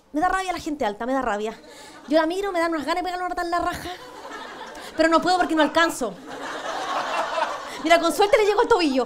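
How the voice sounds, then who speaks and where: A woman's voice: high voice, slight background noise. A Chilean woman doing a stand-up comic monologue on a TV panel show, cheeky, self-mocking and crude in her punchlines. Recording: TV studio with audience laughter. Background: studio audience laughing.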